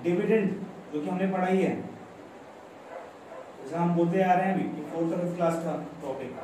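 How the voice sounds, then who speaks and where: A high-pitched Indian man with a mellow tone walks through a maths lesson step by step, firing little questions at his students. The room echoes heavily and the mic sits well away from him. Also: a little fast. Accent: Indian English mixed into Hindi. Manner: explains step by step, repeats phrases, coaxes students with questions. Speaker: maths teacher. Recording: very echoey room, mic far off, faint background noise.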